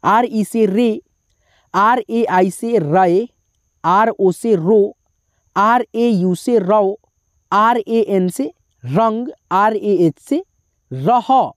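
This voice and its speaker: A woman's voice: mid-range voice, drawn-out words, pauses often, no echo, clean studio sound. A woman teaching a spelling lesson, reading out syllables one by one and adding short explanations. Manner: drills syllables letter by letter, adds brief explanations.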